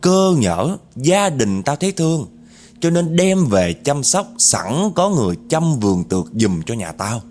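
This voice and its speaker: Man voicing a raspy vengeful female ghost. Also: very animated, moderate pace, slight background noise. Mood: grieving, accusing. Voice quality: deep and raspy. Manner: bitter, accusing, growling through clenched teeth. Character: vengeful wronged female ghost possessing a neighbor.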